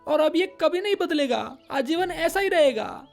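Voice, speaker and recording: A woman's voice: high voice, animated, moderate pace, vocal fry, soft background music. A woman voicing a shy, bitter fourteen-year-old boy who talks defensively and sounds hurt. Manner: defensive, wounded, insistent.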